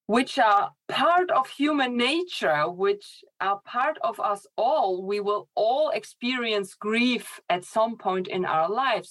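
A middle-aged woman from Poland, speaking as a scholar guest in an interview, thoughtful with light laughs. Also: medium pitch. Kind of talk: podcast interview.

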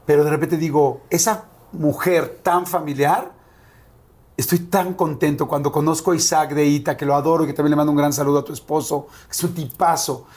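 A man's voice: fairly high pitch, steady tone, a little fast, darkish tone. A man interviewing a guest, asking long, rambling questions full of fillers. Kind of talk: conversational interview.

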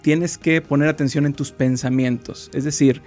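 A man appearing as a guest therapist, calmly explaining how to handle anxiety in an interview. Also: on the high side, normal speed, soft background music. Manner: calm, explanatory.

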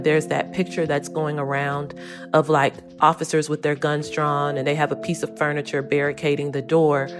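Low-pitched lady reporter telling what happened, chatty and thoughtful, faint music under. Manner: conversational, reflective. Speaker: newspaper correspondent. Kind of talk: recounting in an interview.

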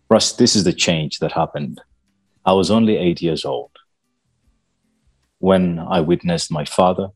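A man from Uganda recounts his childhood as a guest. His voice sits very low and carries a husky edge. He speaks slowly and earnestly. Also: a little mellow. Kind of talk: personal storytelling in an interview.

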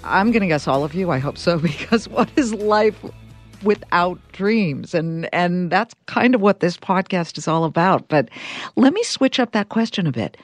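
A woman's voice: lowish voice, lively intonation, moderate pace, dry recording, soft background music. A woman hosting a podcast, interviewing guests with enthusiasm. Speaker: podcast host.

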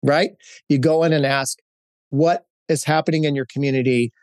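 In a steady tone and at a moderate pace, a fiftysomething executive from Hawaii, United States, answers interview questions candidly, telling stories and often restarting or using fillers. His pitch is medium and the recording has no room sound.

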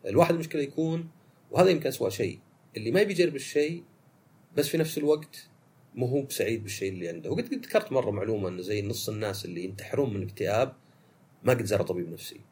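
A man, hosting a solo podcast and talking through his thoughts in a fast, conversational way. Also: breathy edge. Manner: fast and conversational, with lively rises in pitch. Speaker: podcast host.

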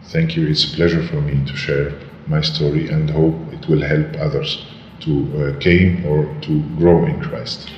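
A man from North Africa giving halting interview answers as a church leader, his voice disguised by an artificial deep pitch shift. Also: little pitch movement. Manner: halting, hesitant phrasing. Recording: roomy, long reverb, dull lo-fi, noisy.

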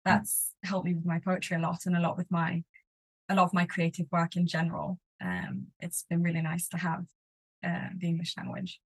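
On a rough recording, this young Swedish woman speaks in a lowish, flat voice with a breathy edge and a moderate pace. As a spoken word poet guesting on a podcast, she talks casually and chattily, leaning on "like," "um," and repeated restarts.

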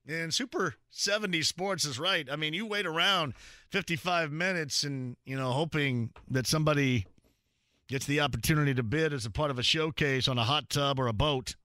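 A man hosting a sports radio call-in show with a bright, forceful voice pitched a little high. He jokes and chats easily with callers. The studio sound is dry and close. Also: no room sound. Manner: joking, chatty, laughs often.

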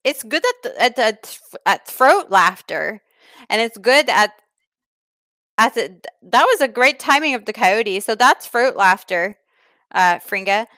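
A self-proclaimed self-care expert stumbles through broken English, restarting her sentences and mangling grammar, as a woman plays her in a comedy bit. Her voice is bright and a touch high. The sound is dry and close. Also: lively intonation, a little slow, no room sound. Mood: deadpan advice. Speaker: comic advice giver.

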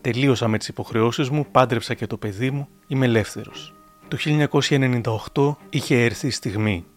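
A man in measured scripted narration for an audio documentary. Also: medium pitch, faint music behind.

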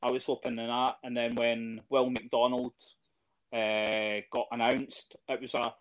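A man's voice: medium pitch, little pitch movement, measured pace. A man in casual chat as a guest, hesitant and full of fillers and restarts. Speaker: podcast guest, fan.

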